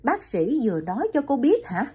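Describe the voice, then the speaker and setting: A gentle young clinic assistant, played by a woman narrator, asks soft, cautious questions in a raised, lively voice. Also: fairly high pitch, fairly quick, slightly rough, voice pushed up, heavily acted. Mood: concerned.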